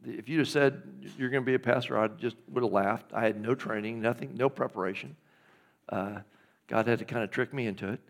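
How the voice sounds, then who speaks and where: Gravelly middle-aged man preaching. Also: mid-range voice, fairly even intonation, brisk. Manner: conversational preaching with audience check-ins. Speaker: pastor. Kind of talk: sermon. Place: church sanctuary.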